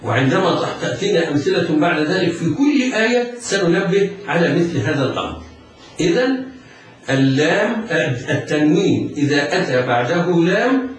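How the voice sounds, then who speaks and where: A man teaching Quran recitation rules, explaining each sound step by step and chanting the examples slowly. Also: fairly high pitch, expressive, slight background noise. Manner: patient step-by-step explaining, drawn-out chanted demonstrations. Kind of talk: tajweed lesson with recited examples. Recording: very echoey, distant mic, faint music.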